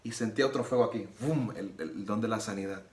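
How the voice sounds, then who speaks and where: A Nicaraguan man gives an earnest personal religious testimony, repeating phrases and acting out the dialogue as he retells events. His voice is on the low side with fairly even intonation and a quick pace. The recording has a roomy echo with soft guitar music.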